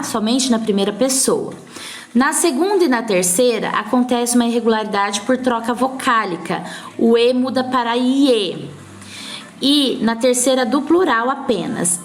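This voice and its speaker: A woman with a Brazilian Portuguese accent, teaching a recorded Spanish class and explaining patiently step by step, often checking that her students follow. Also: a little high. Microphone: phone screen recording.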